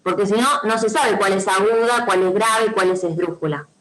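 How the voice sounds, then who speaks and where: On a video call, a woman who teaches primary school gives patient, step-by-step instructions for an online class, speaking with a Rioplatense Spanish accent and frequently confirming her pupils follow along. The low-quality recording carries her mid-range, slightly bright voice at a moderate pace.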